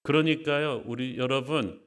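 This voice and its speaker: A male pastor gives a Bible sermon at a middle pitch. He talks earnestly and conversationally, turning to the congregation with rhetorical questions as he works through a hard passage. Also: a little slow, clean tone. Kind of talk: expository sermon.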